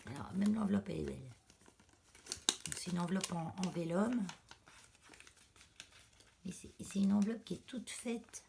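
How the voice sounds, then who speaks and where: A woman chatting casually as she unboxes craft mail. She is losing her voice, exclaims softly and often drops to a whisper. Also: on the low side, normal speed, vocal fry, pauses often, a little hiss or hum. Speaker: crafting vlogger.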